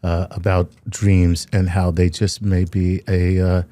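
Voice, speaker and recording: A man co-hosting a podcast, reading out listener questions and joking and interjecting in casual chat. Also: low-pitched. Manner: lively, joking, quick to interject.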